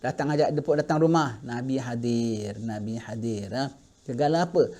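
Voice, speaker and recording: A middle-aged man teaching a religious class, telling a story with lively acted-out quotes. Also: medium pitch, moderate pace. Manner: animated storytelling, acting out quoted voices. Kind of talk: sermon storytelling in Malay.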